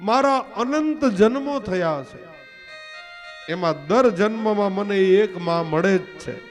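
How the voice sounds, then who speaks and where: A man's voice: high voice, full character voice. A man voicing the young divine Krishna, speaking with affection to his mother and urging haste, in a devotional storytelling sermon. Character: Krishna, divine young son, tender and hurried.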